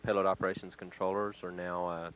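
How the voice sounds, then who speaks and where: Low, flat-voiced man giving mission commentary. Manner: measured, halting, matter-of-fact. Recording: faint hum and noise.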